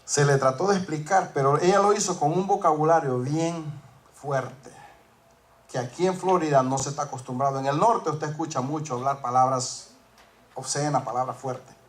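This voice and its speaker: A man's voice: fairly high pitch, moderate pace. A man preaching a sermon, telling a workplace story and acting out the dialogue, rising to emphatic peaks. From northern United States.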